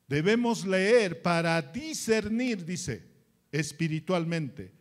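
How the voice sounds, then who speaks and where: A male pastor with a Peruvian Spanish accent preaching a sermon slowly and emphatically, often asking rhetorical questions. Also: a little high.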